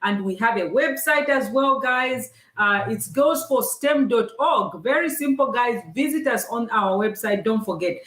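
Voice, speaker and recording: A woman hosts a casual online chat with a fairly high voice and lively enthusiasm. She keeps turning to her viewers, calling them guys. Her voice rings in a roomy, echoey space. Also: measured pace, hardly any pauses. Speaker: host.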